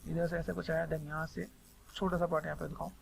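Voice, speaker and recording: A man with a Hindi accent giving a rambling, repetitive screen-recorded software tutorial on 3D sculpting. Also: on the high side, flat delivery, fast talker, gravelly, a little hiss or hum. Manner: rambling, repeats filler phrases constantly.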